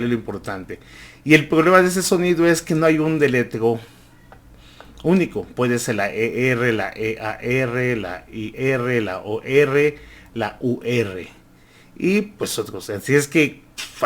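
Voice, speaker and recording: A man teaching English pronunciation, repeating each word several times and growling long R sounds to show how they are made. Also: mid-range voice. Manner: growls drawn-out R sounds to demonstrate. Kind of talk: language lesson.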